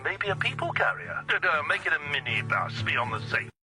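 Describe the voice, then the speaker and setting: An actor playing a showy older theatrical agent, heard over a phone on speakerphone, theatrical and fond of Yiddish words. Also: male voice, a little high, sing-song, a little fast, music in the background, rough recording. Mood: aggrieved.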